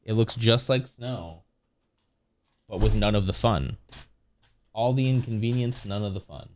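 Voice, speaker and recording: Low-voiced man chatting loosely with viewers. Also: measured pace, a little mellow, slight background noise. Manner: rambling, easygoing, chuckles often. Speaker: live streamer. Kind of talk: casual chat with viewers.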